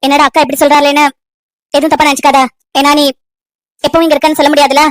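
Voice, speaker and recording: A woman's voice: high voice, flat delivery, rapid-fire, no echo. A woman voicing a self-righteous elder sister in a cartoon story, lecturing persuasively.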